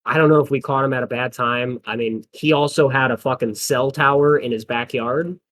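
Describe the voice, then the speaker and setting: A man's voice: mid-range voice, steady tone, a little fast, a bit bright. A young man co-hosting a casual podcast, telling stories with quoted voices and frequent laughs. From American Midwest. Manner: storytelling, acts out quotes, laughs often. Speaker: podcast co-host. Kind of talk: casual chat.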